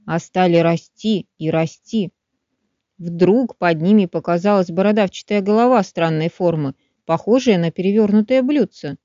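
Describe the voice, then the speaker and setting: Expressive woman reading a children's story. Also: lowish voice, no echo. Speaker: narrator. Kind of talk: children's audiobook narration. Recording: dull, dry studio sound.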